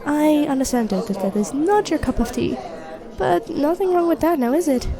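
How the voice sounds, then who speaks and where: Against crowd noise, a woman with a high-sitting voice and lively intonation speaks at a moderate pace in an intimate ASMR roleplay. She plays a friendly, teasing young best friend with a secret crush, chatting through one side of a conversation.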